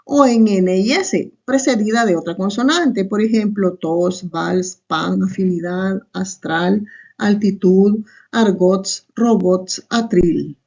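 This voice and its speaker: On a muffled, lo-fi recording, a female teacher with a Salvadoran Spanish accent takes her time through an online class, breaking it down step by step. Her medium-pitched voice is gravelly and somewhat dark, and she keeps adding little questioning asides.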